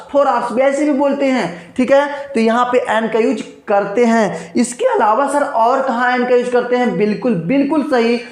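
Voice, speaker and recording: A man teaching an exam-prep grammar lesson, asking and answering his own rhetorical questions and repeating key points. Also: extremely high pitch. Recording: echoey room.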